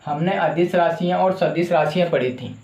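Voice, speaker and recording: A man's voice: fairly high pitch, moderate pace, darkish tone, reverberant, rough recording. A male teacher giving a classroom lecture who asks his own questions and answers them, repeating the key terms.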